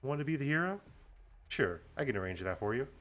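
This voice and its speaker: A man plays a theatrical game villain who savours every taunt with slow, gleeful menace. The pitch swoops widely from line to line, mocking and grand, as the puppeteer toys with a victim. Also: big pitch swings, a bit bright, soft background music. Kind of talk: character voicing in a game read-along.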